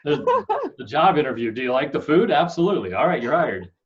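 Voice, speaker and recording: A man's voice: a little high, sing-song, brisk, dull audio. A young man hosting a casual interview for kids, friendly and upbeat with joking asides. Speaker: host, school staff member.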